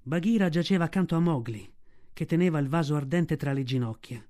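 A man tells a classic story in audiobook style. His voice sits a little high, and the reading is steady and expressive. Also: brisk. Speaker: narrator.

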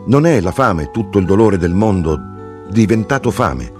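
A man giving a measured, expressive literary audiobook reading. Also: soft background music. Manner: measured, expressive reading with wide pitch swings. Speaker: reader.

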